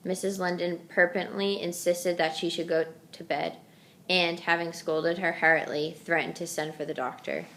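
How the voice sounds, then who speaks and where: Woman narrating a novel passage, lowish voice. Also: little pitch movement, normal speed, fairly bright tone, slight background noise. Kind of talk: reading a novel passage aloud.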